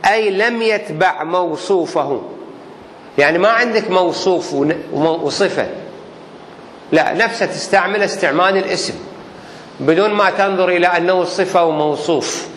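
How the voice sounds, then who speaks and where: A man teaching a grammar class as a religious teacher, explaining slowly and deliberately with examples. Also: high-pitched, a bit bright. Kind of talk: classroom lesson on Arabic grammar. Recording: reverberant hall, faint background noise.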